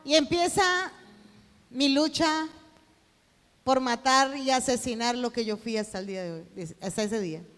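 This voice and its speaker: A woman preaching, telling a personal testimony and acting out the dialogue in it, at times rising to a shout. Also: a little high, unhurried, in a large hall, faint music behind. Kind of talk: sermon testimony.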